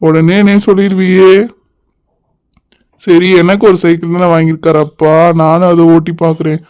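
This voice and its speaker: A man's voice: on the high side, little pitch movement, normal speed, a little mellow, clear, resonant tone, natural voice. A man doing a cheeky teasing schoolboy. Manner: teasing, singsong. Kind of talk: storybook doll-play acting.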